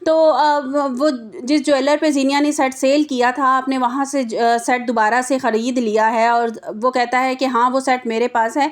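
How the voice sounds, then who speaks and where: A woman's voice: high voice, little pitch movement, hardly any pauses. A woman giving a casual, unscripted recap of a TV drama's plot, often hesitating and restarting. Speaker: drama episode recap presenter.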